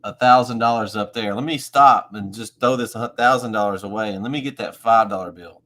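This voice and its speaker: A man with a somewhat low voice hosts a casual review chat. He is easygoing, leading into each topic and making his points with homespun analogies. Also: fairly quick, bright, forceful tone. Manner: easygoing, uses homespun analogies, laughs along. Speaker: podcast host.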